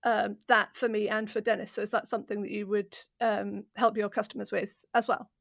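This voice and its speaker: Creaky-voiced woman, dry close sound. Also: mid-range voice, little pitch movement, brisk, a bit bright, dry recording. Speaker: podcast co-host. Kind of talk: casual interview questioning.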